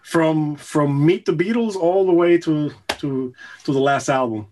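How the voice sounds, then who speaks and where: A man from Puerto Rico, a guest guitarist, telling stories in a relaxed, casual way with frequent fillers. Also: fairly high pitch, a little slow, slight background noise. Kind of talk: casual interview chat.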